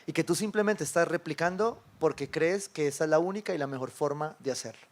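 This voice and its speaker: A man's voice: a little high, a little fast. A man preaching a sermon to his church, telling stories with quoted dialogue and often asking the congregation for agreement. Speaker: pastor.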